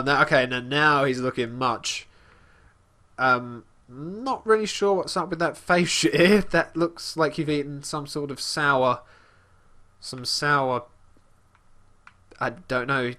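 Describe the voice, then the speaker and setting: A man's voice: mid-range voice, pushed and bright. Rambling man narrating his game. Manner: rambling, halting, with many restarts and fillers; narrates his character in third person. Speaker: let's play host. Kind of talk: casual gameplay commentary.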